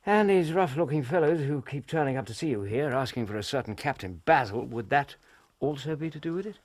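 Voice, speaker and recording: An actor playing a loyal doctor companion in a radio drama, wry and understated. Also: male voice, medium pitch, animated, brisk, lightly acted. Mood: curious. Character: dry, loyal male doctor companion, middle-aged. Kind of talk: radio drama acting and narration.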